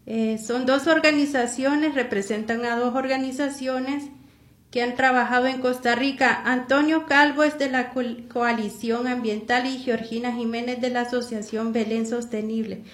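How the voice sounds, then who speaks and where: Woman from honduras, radio host, slightly high voice, hesitant with fillers, roomy booth sound. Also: steady tone, moderate pace. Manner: hesitant, many fillers and restarts. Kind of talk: radio talk show hosting.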